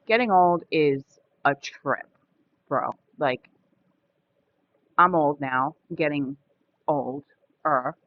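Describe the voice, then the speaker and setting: A woman's voice: low voice, drawn-out words, pauses often, no echo, highs cut off. Candid woman in her forties, vlogging. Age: 40s. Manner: candid, chatty, trails off and restarts. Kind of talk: casual personal vlog.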